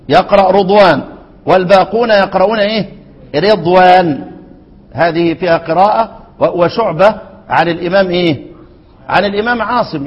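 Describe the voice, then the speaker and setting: Man, Egyptian accent, teacher, high voice, quizzes students, long hall reverb, muffled sound. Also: slightly rough. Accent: Egyptian Arabic. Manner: keeps asking students to fill in words. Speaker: Quran recitation teacher. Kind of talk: explaining a classical text to students. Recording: dull, reverberant hall recording.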